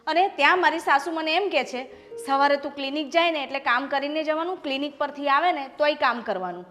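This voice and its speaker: A woman's voice: sits high, quick pace, fairly bright tone. A woman playing an unhappy young married daughter and doctor, who pleads and argues with her parents in a short family drama. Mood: upset. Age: young adult. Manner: upset, pleading and defiant. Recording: long reverb with background music.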